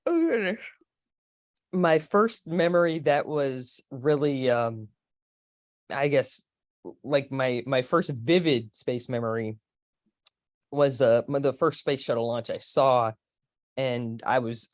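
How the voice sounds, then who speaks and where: A woman's voice: a bass voice, darkish tone, dry recording. Chatty woman in her forties, dry sound. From Florida, USA. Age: 40s. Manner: chatty, rambling storyteller. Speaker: space historian guest. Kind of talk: casual interview.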